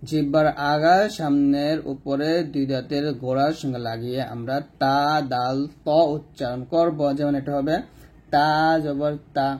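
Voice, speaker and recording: Husky, mellow-voiced man teaching recitation. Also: medium pitch, steady tone. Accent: Bangladeshi Bengali. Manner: repeats rules and drills letters slowly, asks questions to the viewer. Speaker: Quran reading teacher. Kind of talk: step-by-step recitation lesson.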